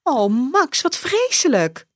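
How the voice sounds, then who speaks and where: A woman voicing a busy working mother on the phone, speaking high and emphatically in a storybook reading. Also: huge pitch swings, takes it slowly, fairly bright tone, no echo, clean studio sound, heavily acted. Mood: apologetic. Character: busy working mother, sorry but firm.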